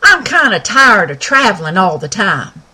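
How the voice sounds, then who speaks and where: A woman's voice: medium pitch, big pitch swings, moderate pace, bright, forceful tone, breathy edge, heavily acted. A woman voicing a folksy young male cowboy pony in a storybook, with a drawling western manner of talk. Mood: friendly.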